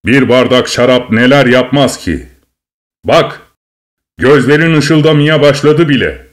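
A man's voice: mid-range voice, unhurried, natural voice. A man voicing a cruel, mocking drunken king who bullies and bellows. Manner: taunting, bullying, bursts into shouts.

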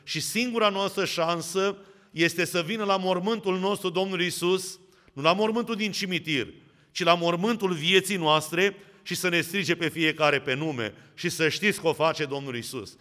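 A man's voice: sits high, bright, forceful tone. Man preaching in a reverberant hall. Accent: Romanian. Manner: addresses the congregation directly with questions. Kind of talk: sermon.

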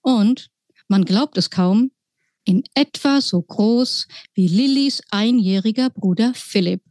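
A woman author reading her children's book aloud in a slow, deliberate storytelling manner. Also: medium pitch, darkish tone, no echo.

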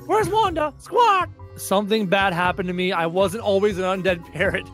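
A man's voice: sits high, animated, moderate pace, fairly bright tone, faint music behind. A man voicing an undead skeleton parrot losing its mind, in a squawky parrot voice, reading out a video game character. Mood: distressed, squawky. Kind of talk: improvised read-out of a game character.

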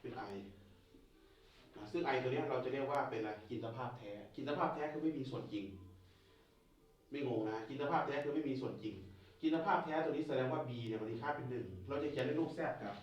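A man's voice: medium pitch, quick pace. A male teacher talks a class through the lesson, turning to the students and saying key terms again and again. He is captured from far off in a very echoey room. The sound is dull and slightly muffled, with faint noise underneath. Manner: addresses students directly, repeats key terms. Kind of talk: classroom lecture.

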